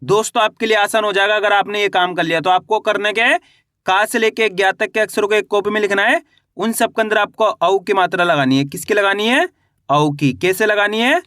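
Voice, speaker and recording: A man's voice: high voice, brisk, bright, forceful tone, no echo, clean studio sound. A man teaching a step-by-step reading lesson, asking questions and answering them himself while drawing out each sound.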